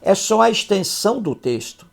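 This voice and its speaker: A man's voice: sits high, very animated, normal speed, gravelly. A man teaching a Portuguese grammar lesson, repeating his examples and checking understanding with short questions.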